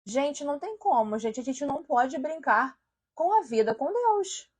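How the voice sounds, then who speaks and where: Earnest high-voiced woman preaching. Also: lively intonation, a little slow. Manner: earnest, slips into softly spoken sample prayers. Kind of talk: sermon-style video exhortation.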